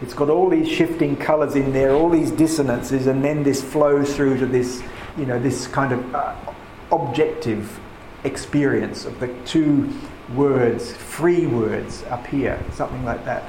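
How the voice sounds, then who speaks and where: A man leads a poetry class with enthusiasm, restarting his sentences again and again. His voice carries through an echoey room. Steady background noise hangs under it. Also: medium pitch, unhurried. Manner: enthusiastic, rambling with many restarts. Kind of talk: leading a class discussion. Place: room with paintings, a group seated.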